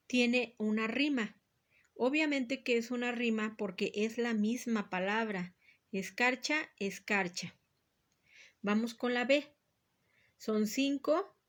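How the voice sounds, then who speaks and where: Mexican woman, patient teacher, fairly high voice, very slow and deliberate delivery. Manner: slow and patient, repeating and counting syllables aloud. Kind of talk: explaining a poetry worksheet.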